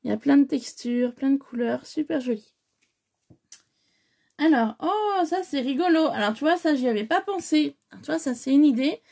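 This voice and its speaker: A woman's voice: sits high, brisk, vocal fry, mellow. A woman chatting casually to camera as she unpacks a parcel, effusive and full of hesitant fillers. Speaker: scrapbooking vlogger. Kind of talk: casual unboxing chat.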